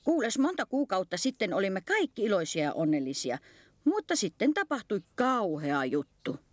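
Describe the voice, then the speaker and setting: A woman's voice: medium pitch, sing-song, no room sound. A woman voicing an old, wise tree that speaks in a grave, somber way.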